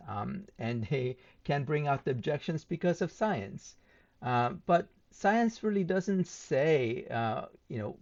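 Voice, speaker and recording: Measured man rebutting a debate, ums. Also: mid-range voice, darkish tone, muffled recording. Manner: measured, with many filler ums and uhs. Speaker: channel host responding to a debate. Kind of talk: point-by-point rebuttal commentary.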